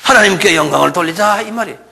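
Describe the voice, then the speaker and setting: A male pastor preaching a sermon in a church, animated and full of rhetorical questions. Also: high voice, rapid-fire, vocal fry. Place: church sanctuary.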